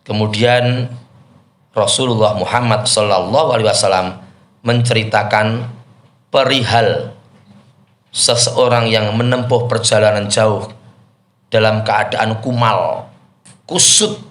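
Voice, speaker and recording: A man giving an Islamic study talk as a preacher, lively and acting out prayers and mock intonation. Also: on the low side, a little slow, long pauses. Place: company prayer hall. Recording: echoey room, faint noise.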